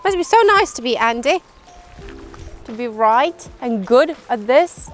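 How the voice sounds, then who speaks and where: A woman's voice: a little high, unhurried. A woman, chatting self-mockingly while fly fishing on a riverbank. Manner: chatty, self-mocking, excitable when hooking fish. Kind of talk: casual chat while fishing. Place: outdoors on a riverbank. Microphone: camera mic, sometimes far. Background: music.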